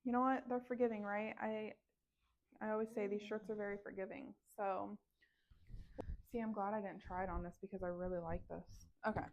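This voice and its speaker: A woman with a mid-range voice talks fairly quickly and with fairly even intonation, chatting to the camera as she sews. She's a sewing vlogger, muttering her frustration to herself and her viewers, and the recording has a dull, lo-fi sound.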